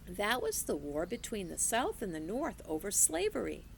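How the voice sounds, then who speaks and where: A woman reading aloud as an elderly Southern librarian, proper and a little dramatic, with a gravelly edge. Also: medium pitch, wildly swooping pitch, moderate pace, slight background noise. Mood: genteel.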